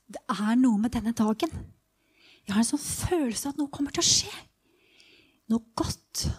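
A woman voicing a blind male beggar who longs to be healed, in a hushed first-person inner monologue that often drops to a whisper, as part of a guided Bible meditation. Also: on the high side, breathy edge. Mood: expectant.

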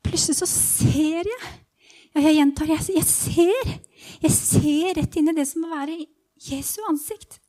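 A woman voicing a blind male beggar who longs to be healed, in a hushed first-person inner monologue that often drops to a whisper, as part of a guided Bible meditation. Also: sits high, voice pushed up, natural voice. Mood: awed.

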